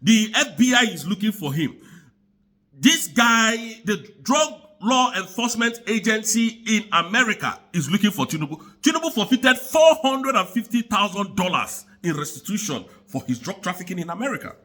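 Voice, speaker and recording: A man with a high, bright voice delivers a heated political rant. His pitch swings all over the place as he repeats his charges in an angry, preaching tone. He speaks throughout. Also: sing-song, normal speed. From Nigeria. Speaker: commentator.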